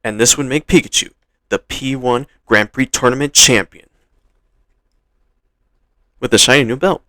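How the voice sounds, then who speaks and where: A man's voice: mid-range voice, moderate pace, pushed and bright, no echo. A man casually narrating a fan-made story, retelling events in a loose, chatty way. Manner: casual, retelling with filler phrases.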